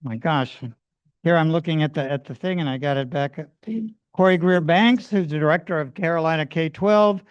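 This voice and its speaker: A man with a clean, resonant voice and a slightly raised pitch opens a library film evening. He speaks in an earnest, measured way and works through long lists of thanks. The sound is dry and close, with little room echo. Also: clear, resonant tone, dull audio. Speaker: event organizer introducing a film screening. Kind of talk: public event introduction. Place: public library event room.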